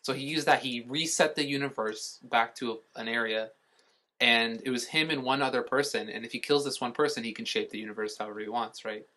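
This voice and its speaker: Fairly quick and mid-range, this man's bright, forceful delivery carries his casual podcast chat as a co-host. He explains things loosely and rambles, with swearing tossed in offhand.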